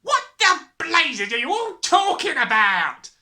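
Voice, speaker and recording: A woman voicing a blustering, panicky, vain middle-aged British father who yells his lines in a storybook. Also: extremely high pitch, sing-song, slow, pitched above the performer's own voice, heavily acted. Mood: indignant. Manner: yelling, blustering, exclamatory.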